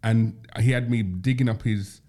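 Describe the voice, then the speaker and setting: A young man with a South London accent hosting a casual podcast chat, chatty and quick to laugh at himself. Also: lowish voice, fairly even intonation, mellow. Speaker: podcast host.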